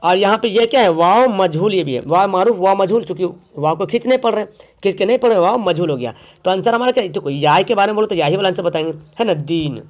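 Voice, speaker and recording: A man teaching an exam grammar lesson, quizzing listeners with questions, repeating words and drawing some out slowly to show how they are said. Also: high-pitched.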